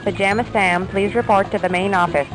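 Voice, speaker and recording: A woman making a formal paging announcement over a PA loudspeaker, in a calm, even tone. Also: medium pitch, a little fast, over music, rough recording. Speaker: public address announcer.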